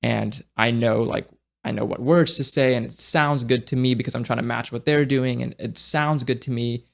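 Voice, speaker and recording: Speaking conversationally and without hurry, a young man thinks out loud in a gravelly voice full of fry at a medium pitch. His delivery is halting and searching, with lots of fillers, restarts, and stumbles.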